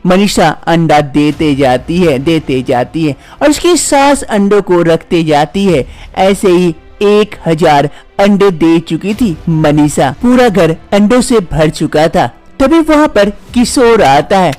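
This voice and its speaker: A man narrating a cartoon story in a plain, even storytelling style. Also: fairly high pitch, takes it slowly, soft background music.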